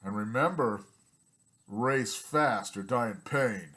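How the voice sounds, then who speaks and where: A man's voice: medium pitch, slow, sharp tone. A man ranting bluntly and repetitively in a vlog, coughing now and then, his throat strained from talking so long. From United States. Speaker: vlogger.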